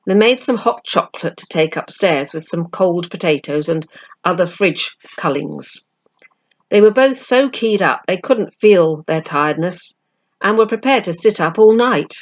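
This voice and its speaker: A woman with a slightly low voice reads a children's story aloud, narrating expressively and acting out the dialogue like a storyteller.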